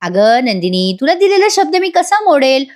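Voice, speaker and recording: A playful young husband teases and coaxes his wife in a TV serial recap, as a woman reads his part. The voice sits a little high, with a light joking lilt. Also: very animated, normal speed. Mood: teasing. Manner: joking, coaxing.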